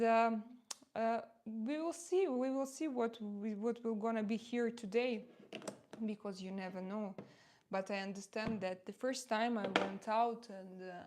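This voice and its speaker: A woman in her forties with a Russian accent chats casually on a livestream while doing her makeup, reading out viewer comments. Her voice is medium-pitched with a darkish tone, and she speaks in a chatty, halting way full of fillers.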